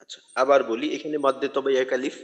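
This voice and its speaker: A man teaching Quran recitation in an online lesson, patiently repeating sounds slowly for his students. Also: medium pitch, steady tone, in a large hall.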